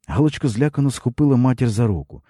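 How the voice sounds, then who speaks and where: A man narrating a literary story in an expressive, dramatic reading. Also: mid-range voice, quick pace, no room sound, clean studio sound.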